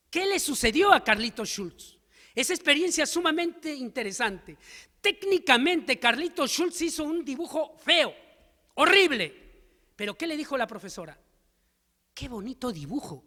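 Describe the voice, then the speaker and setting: A man's voice: very high-pitched, lively intonation, measured pace, sharp tone. A man giving an emphatic seminar lecture to teachers, full of rhetorical questions and stories. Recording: long hall reverb.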